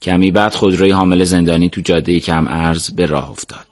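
A man with a fairly low voice reads a serialized book aloud. His telling is steady and even, walking through each scene in plain storytelling. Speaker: audiobook narrator.

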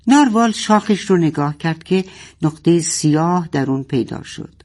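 A woman's voice: deep voice, lively intonation, darkish tone. A woman reading a children's story aloud expressively and speaking fondly to her young listeners.

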